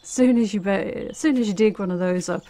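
A woman's voice: medium pitch, fast talker, warm tone. Chatty woman narrating her gameplay. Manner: chatty, thinking aloud with fillers and dry asides. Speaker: let's play gamer. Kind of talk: casual game commentary.

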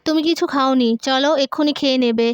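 A woman's voice: high voice, fairly quick, no room sound, studio quality, natural voice. A woman voicing a caring young man who insists protectively. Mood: insistent.

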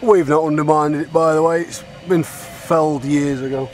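A middle-aged man with a slightly high, mellow voice speaks steadily at a moderate pace, faint music behind him. He's an amateur bottle digger chatting bluntly and casually while showing finds at a wooded dig site, and his handheld camera mic clearly picks up the outdoor background noise.

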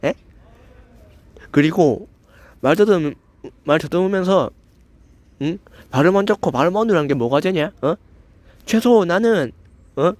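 Young man, stammering, slightly slurred, confrontational swearing rant, fairly high voice, dry recording. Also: lively intonation, a little slow, pauses often, a little mellow, no echo. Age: young adult. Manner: confrontational, swearing, constant filler "eo". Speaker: channel host. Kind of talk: angry rant at a commenter.

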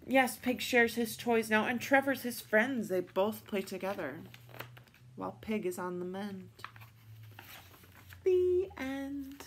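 A woman reading picture books aloud at storytime, in a slow, expressive, playful way. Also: mid-range voice, slight background noise. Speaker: storytime reader.

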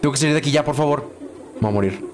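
A man's voice: a little high, rapid-fire, noisy background. A young man with a Mexican Spanish accent, commenting on a horror game as he plays, swearing and shrieking when scared. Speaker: gaming streamer. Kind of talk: let's play commentary.

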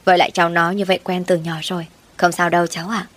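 A woman's voice: on the low side, level tone, quick pace, close to an everyday voice. Woman reading a cheerful older grandmother. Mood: kind. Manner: kind, upbeat, reassuring. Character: cheerful older grandmother who collects trash.

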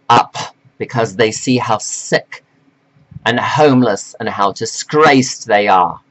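A man delivering a slow, preachy, scolding monologue to men, reading from notes with sudden jumps in pitch. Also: poor audio. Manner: reads from notes. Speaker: self-styled life coach addressing men. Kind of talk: lecturing monologue to camera.

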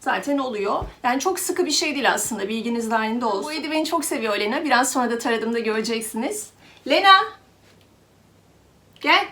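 A woman with a high voice talks casually and warmly to her viewers, addressing them as friends. She explains a product at an easy, chatty pace and now and then coos to her cat. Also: fast talker, hardly any pauses. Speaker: pet vlogger.

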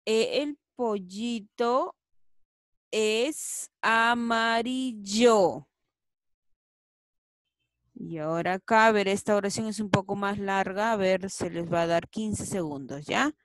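A primary school teacher leads a children's reading lesson, stretching each word out syllable by syllable and coaxing her pupils to read along. Her voice is medium-pitched at a moderate pace with hardly any pauses, and there's no room sound.

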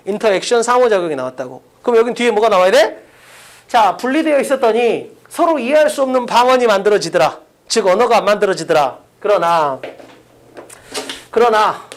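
A man lectures his class with a pitch that swings up and down. He talks bluntly and casually, calling on students by name to quiz them. The sound is a classroom lesson. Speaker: English teacher.

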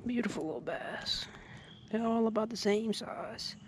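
A young man mutters his way through a fishing trip in a relaxed, half-whispered way, his voice sitting a little high. The sound comes from an action camera strapped to his head out on a lake, with loud outdoor noise running underneath. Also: measured pace. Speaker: angler vlogging from a kayak. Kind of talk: casual fishing commentary. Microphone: head-mounted action camera.

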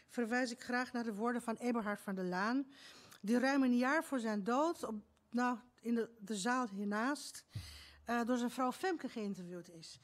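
A woman in her fifties from Romania, giving a prepared speech from a stage with measured, literary storytelling. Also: on the high side. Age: 50s. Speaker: speaker at a book event. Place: stage in an event hall.

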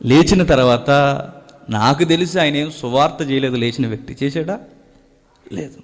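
A man with a Telugu accent preaching a sermon, swinging between loud exclamations and hushed, near-whispered lines. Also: a little high, moderate pace. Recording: long hall reverb.

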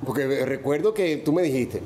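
A man's voice: mid-range voice, expressive, moderate pace, mellow, a little hiss or hum. A man with a Venezuelan accent, hosting the podcast and asking questions in a loose, joking way. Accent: Venezuelan Spanish. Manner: swears and jokes, laughs easily. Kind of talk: casual chat.

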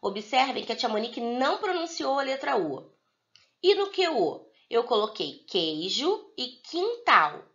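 A Brazilian woman teaching young pupils in a recorded video lesson, slowly spelling out words for the children. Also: fairly high pitch, sing-song, a bit bright, dull audio. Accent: Brazilian Portuguese. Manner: slow, drawn-out word-by-word dictation for young pupils. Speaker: primary school teacher.

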